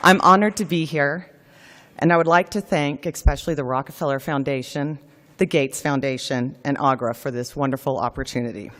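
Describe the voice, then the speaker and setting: A woman's voice: rumbling low, brisk, fairly bright tone, big-room sound. A woman giving a formal speech at a forum, gracious and earnest, telling a personal family story. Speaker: keynote speaker at a forum.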